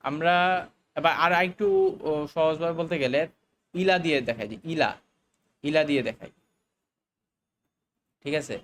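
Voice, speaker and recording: A man teaching a recorded Arabic lesson, explaining the grammar slowly, with fillers and English words mixed in. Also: a little high, slight background noise.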